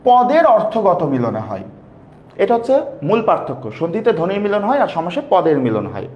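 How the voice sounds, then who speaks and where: A man's voice: high-pitched, a little mellow. A male teacher with a Bangladeshi Bengali accent giving a grammar lesson, asking his students questions, answering them himself and repeating the key terms to drill them in. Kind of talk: classroom lecture on grammar. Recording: roomy echo.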